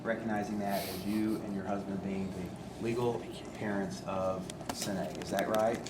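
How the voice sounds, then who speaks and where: A male attorney asking witnesses measured, formal yes-or-no questions in a courtroom recording. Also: on the low side, little pitch movement. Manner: measured, procedural, asks leading yes-or-no questions. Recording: echoey courtroom with background noise.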